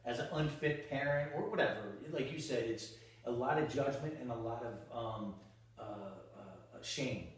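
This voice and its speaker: A man's voice: medium pitch, measured pace. A man hosting an interview, chatty and affirming, often agreeing with his guest. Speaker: host. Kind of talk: casual interview. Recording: echoey room, distant mic.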